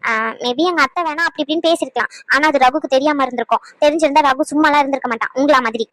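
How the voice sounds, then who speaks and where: A woman voicing a young pregnant wife who is sharp-tongued, quick and needling, for a cartoon. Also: sits high, dry recording. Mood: bickering. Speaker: voice actor. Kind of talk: cartoon voice acting.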